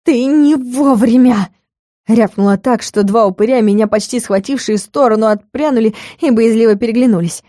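A woman narrating a first-person fantasy audiobook in a lively, expressive storytelling manner. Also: fairly high pitch, a little fast, hardly any pauses, no echo, clean studio sound.

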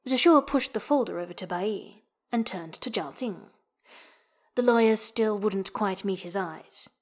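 A woman narrating a novel in steady, even storytelling narration. Her pitch sits in a middle register, and she drops low and hushed at the ends of phrases. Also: a little slow. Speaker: audiobook narrator. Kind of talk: scripted narration.

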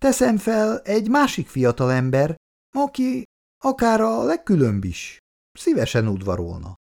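A man's voice: high-pitched, huge pitch swings, gravelly, a little mellow, voice pushed up, exaggerated voice. A proud young man with a wry, mocking edge, as a man reading aloud puts him on. His voice rises and falls in wide swings. This is a storybook reading.

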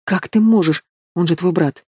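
A man's voice: high-pitched, normal speed, dark tone, breathy edge, no echo, studio quality. A man doing a frightened pleading young woman. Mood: tearful. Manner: pleading, tearful.

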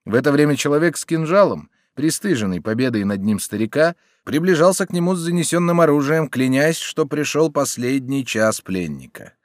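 Give me a male audiobook narrator reading literary prose. His voice is slightly high and expressive, with a lively melody, measured in pace. The sound is dry and close. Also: no room sound. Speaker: audiobook reader.

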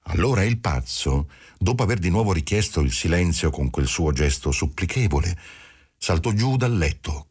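A man reading a literary novel aloud as an audiobook, measured and deliberate. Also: low-pitched, a little mellow, breathy edge. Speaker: audiobook reader. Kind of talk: scripted literary narration.

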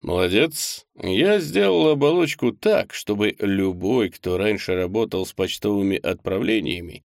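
A man voicing a confident male boss in an audiobook, giving brisk, assured orders. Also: fairly low pitch, lively intonation, creaky, no echo, clean studio sound. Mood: commanding. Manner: assured, directive. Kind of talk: audiobook character voice.

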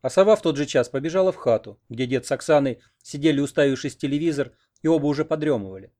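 A man reading a novel aloud in a steady, even storytelling manner. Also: a little high, quick pace. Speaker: audiobook reader. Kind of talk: literary narration.

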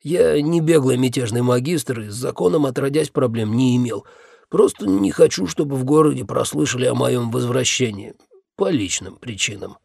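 A man voicing an invisible, grumpy man, a hoarse disembodied voice speaking from empty air in an audiobook. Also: mid-range voice, normal speed, darkish tone, dry recording, clean studio sound. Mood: guarded. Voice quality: hoarse, gravelly. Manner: indignant then guarded, mutters. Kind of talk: audiobook character voice.

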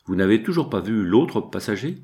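A man's voice: fairly low pitch, big pitch swings, moderate pace, dark tone. A man doing a seasick, suspicious husband. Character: seasick suspicious older husband, weak and irritable.

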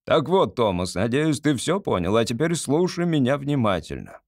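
A man's voice: mid-range voice, sing-song, moderate pace, no room sound. A bossy judge who barks orders and lectures his examinee, put on by a man reading a comic audiobook. The voice is raised and commanding, close and dry. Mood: stern. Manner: barking orders. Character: stern barking male court chairman.

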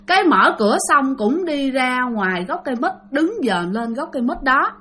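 A woman's voice: high voice, sing-song, normal speed, bright, forceful tone, slightly rough. A woman with a Southern Vietnamese accent telling a ghost story chattily, often addressing her listeners.

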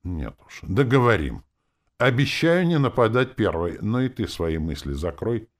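A proud, spoiled young elf princess, acted by a male narrator, speaks in a raised, shrill voice full of indignation. Her lines rise high and sharp whenever she is offended, in a storybook reading. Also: big pitch swings, a little slow. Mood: prickly. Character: haughty young female elf princess, arrogant. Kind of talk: audiobook character voice.

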